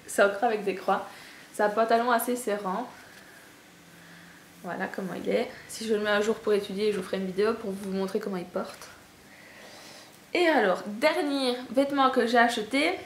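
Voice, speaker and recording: A young woman with a Belgian French accent, chatting in a casual haul video, gushing and self-mocking with lots of fillers. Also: fairly high pitch. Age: young adult. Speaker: beauty vlogger. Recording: echoey room with faint ambient noise.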